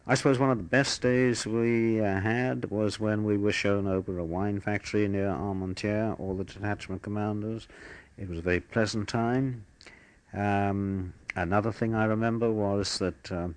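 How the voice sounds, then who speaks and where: An older man, a war veteran, telling his memories in a measured, matter-of-fact way for an oral history. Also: low voice, dry recording.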